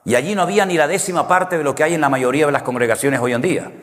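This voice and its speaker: A man's voice: fairly high pitch, racing. A man preaching a conversational sermon, full of anecdotes, who often closes a point with a questioning "no?". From Canary Islands, Spain. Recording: long hall reverb.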